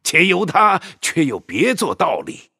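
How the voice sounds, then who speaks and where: A man acts out an old village patriarch in an audio drama, speaking slowly with a husky, breathy tone. His voice rises and falls widely as he fusses over his son. The sound is close and dry. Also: sits high, big pitch swings, pushed and bright, no echo, full character voice. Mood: fatherly. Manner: slow, fatherly, pleading. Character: elderly village patriarch, doting and anxious.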